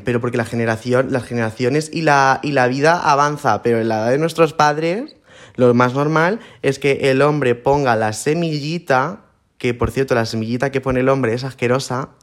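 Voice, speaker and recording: A man's voice: medium pitch, moderate pace. A young man with a Spanish accent from Spain doing a campy, theatrical comedy monologue as a podcast host, swearing freely and rambling through asides.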